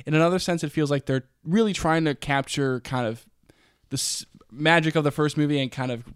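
A man rambles through a movie review, animated and full of fillers. His voice sits a little high and sounds smooth and clear. The sound is dry and close, with almost no room. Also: fairly quick, no room sound. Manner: rambling, animated, many "like" fillers, puts on silly voices for quotes. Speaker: podcast co-host. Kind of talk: casual film review chat.

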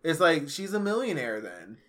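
A man's voice: fairly high pitch, very animated, normal speed, a bit bright. A man casually retelling a movie plot with friends, rambling and full of "like", often swearing. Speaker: podcast co-host. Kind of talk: casual movie recap chat.

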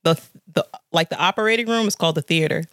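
Playful American woman, lowish voice, dry close sound. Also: fast, a bit bright, no room sound. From United States. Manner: playful, enthusiastic about words. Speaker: podcast guest. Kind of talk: casual chat.

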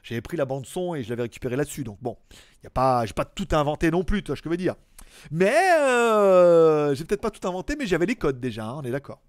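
A man's voice: fairly high pitch, very animated, quick pace, no echo, studio quality. Chatty man hosting a live stream. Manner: chatty, joking, greets viewers by name. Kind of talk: casual live-stream chat reading viewer messages.

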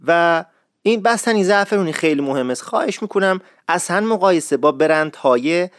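A man's voice: on the high side, animated, no echo, clean studio sound. Chatty man. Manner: enthusiastic, chatty, repeats key points. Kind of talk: casual recommendation talk.

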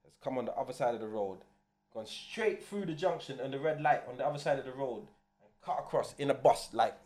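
A man's voice: medium pitch, animated, fast, darkish tone, faint music behind. A man with a London urban roadman accent, telling stories casually on a podcast with emphatic street slang. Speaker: podcast co-host. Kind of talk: casual anecdotal chat.

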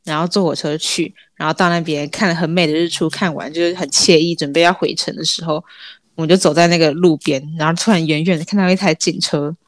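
A woman's voice: sits low, steady tone, fast, dry recording. A young woman with a Taiwanese accent chats casually as a podcast co-host, telling anecdotes and acting out the dialogue. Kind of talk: casual chat, storytelling.

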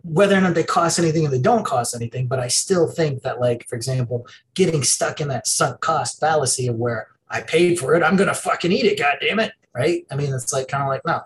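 A man's voice: on the high side, fairly quick, few pauses, a little hiss or hum, rough recording. A middle-aged man co-hosting a podcast, swearing freely and rambling in casual chat. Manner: rambling, profane, laughs a lot. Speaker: podcast co-host.

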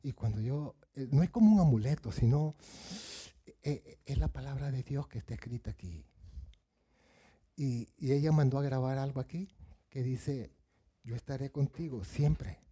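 A man's voice: mid-range voice, moderate pace, long pauses, mellow, husky. A man preaching a sermon, asking the congregation questions and acting out Bible voices.

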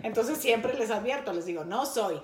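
A woman with a Mexican accent, a guest telling animated anecdotes in casual chat, acting out other people's lines in a raised voice and laughing often. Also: moderate pace. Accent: Mexican Spanish. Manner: animated storyteller who acts out quoted voices high and laughs often. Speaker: guest, sister of the host. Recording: roomy, echoey room.

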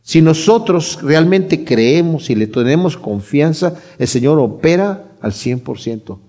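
A man preaching a sermon, animated, swinging between loud and hushed, acting out quoted voices as he retells. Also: fairly high pitch, measured pace. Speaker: pastor.

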